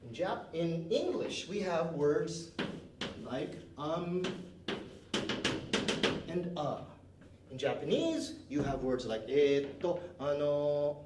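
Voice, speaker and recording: Slow and pausing often, his a-little-high voice swings broadly in pitch. The man, who came to Canada at nine, leads English drills indoors with emphatic instructions and barked commands, recorded at a distance in a roomy classroom carrying faint noise.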